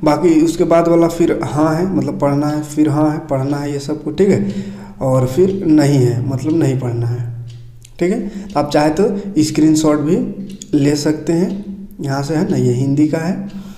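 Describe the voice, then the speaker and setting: This is a man's lesson walkthrough over screen share, relaxed in tone and taken a little slowly. His voice is pitched somewhat high but sounds warm and mellow, and he moves point by point, often pausing to ask whether students are keeping up. Echo from an empty room is clearly audible.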